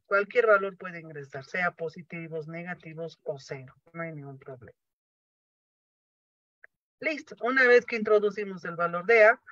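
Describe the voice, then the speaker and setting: A man's voice: sits high, fairly bright tone, no room sound. A man teaching programming in a lecture, explaining each step and answering his own questions. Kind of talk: classroom lecture. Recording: dry, dull lo-fi sound.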